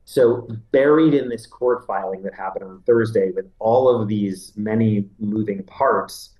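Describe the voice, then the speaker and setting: A man in his forties speaks over a video call from an indoor room. His voice sits a little low, and he lays out a news story in a relaxed, conversational way, leaning on "you know" as he goes. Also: unhurried, low-quality recording. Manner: conversational, explains step by step with many "you know"s. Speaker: entertainment news editor. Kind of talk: remote news interview. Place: indoor room with framed poster behind.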